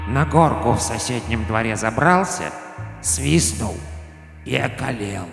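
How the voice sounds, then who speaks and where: A man's voice: medium pitch, lively intonation, creaky, voice pushed up. A man doing a glum, drowsy Death. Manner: slow and glum. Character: gloomy, drowsy female Death, despondent. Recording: echoey room with faint music.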